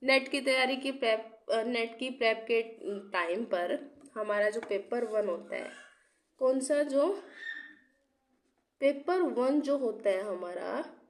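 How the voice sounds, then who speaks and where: A young woman with a slightly high voice teaches an exam-prep lesson while unwell, coughing now and then. She poses rhetorical questions, repeats each key term and keeps checking in with her students. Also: takes it slowly. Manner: checks in often with "theek hai". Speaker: English literature teacher.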